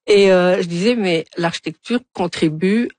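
An urban planner from Algeria, a middle-aged woman, answers interview questions in a lowish, darkish voice at normal speed, often restarting and repeating words as she hunts for them. The recording has no echo.

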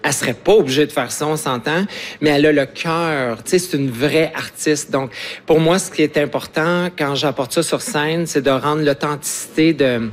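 A man's voice: on the high side, moderate pace. A man with a Quebec French accent talking casually and earnestly as an interview guest, explaining things plainly. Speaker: guest, celebrity impersonator.

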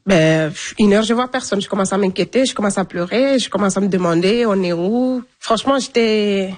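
A woman recounts her own experience to an interviewer, speaking plainly with everyday fillers and repeated phrases. Her voice sits at a middle pitch for a woman, and she keeps a conversational pace throughout. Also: a little fast, a little mellow. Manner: plain, repetitive storytelling with spoken fillers. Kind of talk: personal testimony in conversation.

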